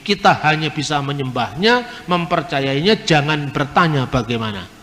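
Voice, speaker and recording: Lively man lecturing in an echoing hall. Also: a little high, normal speed. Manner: lively, explanatory, imitates regional pronunciations. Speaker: religious speaker. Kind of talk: teaching lecture.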